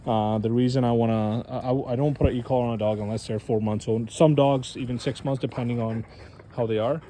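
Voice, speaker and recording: Male dog trainer, mellow tone, relaxed chatty tutorial delivery with faint background hiss. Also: mid-range voice, a little fast. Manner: loose, chatty, addresses viewers as guys. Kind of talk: casual instructional demo.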